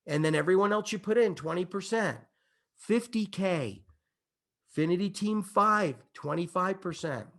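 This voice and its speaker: A man pitching a business opportunity, his voice sitting high for a man with a gravelly, creaky edge. He talks in an emphatic, excitable way, building hype and checking in with his listeners again and again. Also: moderate pace. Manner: repeats "okay?" and "imagine this" to the audience. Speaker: company presenter.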